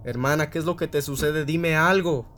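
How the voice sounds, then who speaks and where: A man doing a frantic little boy, voice pushed up high and loud, begging over and over to be told what's wrong. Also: moderate pace, a little hiss or hum. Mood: pleading. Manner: pleading, rising to frantic shouts. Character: desperate young boy pleading with his sister.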